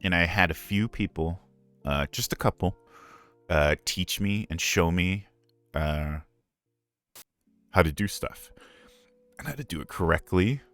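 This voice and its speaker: A man's voice: sits low, lively intonation, a little slow, long pauses, a bit bright, no echo, soft background music. A man who streams and voices ASMR, talking candidly and earnestly in a casual live Q&A, rambling with frequent asides.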